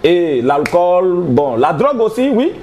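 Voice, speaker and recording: A thirties man with an Ivorian French accent, a traditional healer, tells his story in a casual interview, rambling and hesitant and laughing often. His voice is high-pitched and sing-song with a darkish tone, unhurried, over slight background noise.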